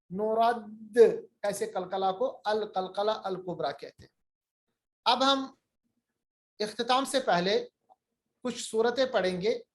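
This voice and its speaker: Slow, high-voiced man teaching recitation. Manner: drawn-out, emphatic recitation of examples, repeated for students; patient, explanatory teaching tone. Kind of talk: recitation lesson with chanted examples.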